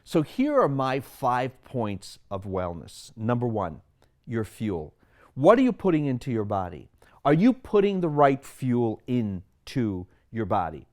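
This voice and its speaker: This is a man in his sixties from Sri Lanka, a doctor, delivering a personal monologue to camera on his approach to wellness and peppering it with rhetorical questions. His medium-pitched voice swoops wildly, runs slightly slow, and has a darkish tone.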